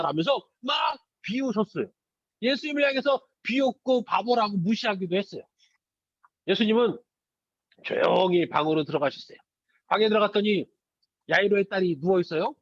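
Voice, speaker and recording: A children's pastor, a man with a very high voice, retells a story and often stops to ask the children questions. The sound is dry and close, and a little dull and lo-fi. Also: fairly bright tone, no echo.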